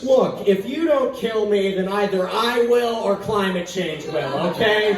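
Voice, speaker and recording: A man voicing a weary young male hostage who mutters dismissively and flatly. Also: sits high, unhurried, background noise. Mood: apathetic. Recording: echoey room from far off. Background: audience laughing.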